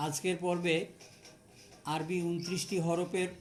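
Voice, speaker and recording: A man with a Bangladeshi Bengali accent leads a patient Quran reading lesson. His voice sits high and he talks slowly. He goes step by step and repeats each point. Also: level tone, soft background music.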